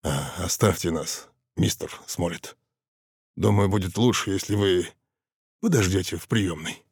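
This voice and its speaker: A man voicing a calm middle-aged doctor patiently questioning a patient in an audiobook. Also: deep voice, unhurried, breathy edge, no echo, studio quality, exaggerated voice. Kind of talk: audiobook reading.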